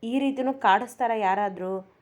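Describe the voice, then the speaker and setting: A woman's voice: fairly high pitch, lightly acted. A woman voicing a shy, cheeky young wife. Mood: teasing. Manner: timid then teasing, quick delivery.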